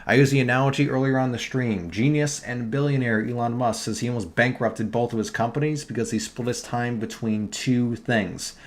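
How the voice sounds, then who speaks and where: A man's voice: medium pitch, moderate pace, few pauses. Chatty New York man livestreaming. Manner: chatty, self-correcting, talks to chat while working. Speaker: livestream host teaching online store building. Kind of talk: casual live screen-share tutorial.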